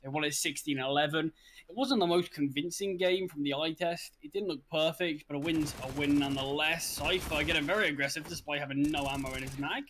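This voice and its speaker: A man's voice: fairly high pitch, fairly quick, a little hiss or hum. A man giving casual color commentary on an esports match, correcting himself as he goes. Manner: relaxed, casual, self-correcting. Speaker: esports co-caster.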